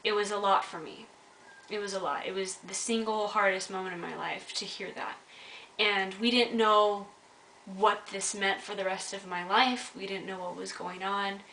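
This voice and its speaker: A young woman shares a personal story to camera, candid and earnest, her voice bright and clear. The mic sits a little back in a roomy, echoing space with a faint hiss underneath. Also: medium pitch, fairly even intonation, normal speed, far from the mic. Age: young adult. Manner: earnest, candid, urges viewers directly. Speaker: vlogger.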